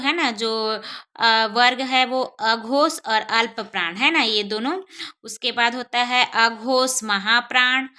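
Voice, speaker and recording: A woman's voice: on the high side, bright, forceful tone. A woman teaching a grammar lesson, asking the class questions and then answering them herself, often adding little checks for understanding and saying vowel sounds aloud as examples.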